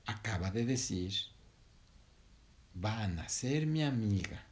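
A man voicing a calm, kindly mother monkey who reassures her friend, in a storybook tale. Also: on the low side, takes it slowly. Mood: reassuring. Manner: gentle, reassuring, patient.

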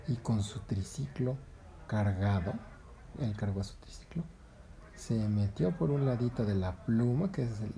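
A man's voice: fairly low pitch, vocal fry, warm tone, a little hiss or hum. A man narrating a children's story in a playful, dramatic way.

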